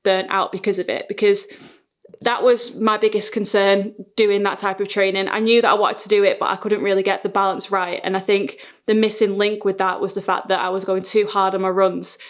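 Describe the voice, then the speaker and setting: A woman's voice: mid-range voice, flat delivery, a little fast. A woman fitness vlogger chatting casually and informally to her viewers. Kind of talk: casual vlog talk.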